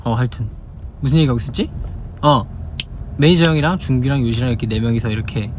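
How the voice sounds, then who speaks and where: A young man from Busan hosts an idol livestream in a quick, medium-pitched voice and a Busan Gyeongsang Korean accent. He chats casually, answering fan questions and demonstrating dialect phrases, with steady car noise behind him.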